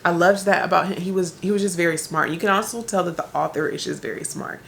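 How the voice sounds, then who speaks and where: Gravelly low-voiced woman chatting about books. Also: fast, fairly bright tone, a little hiss or hum. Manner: rambling, self-correcting, thinks aloud. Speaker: book vlogger. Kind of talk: chatty book review vlog.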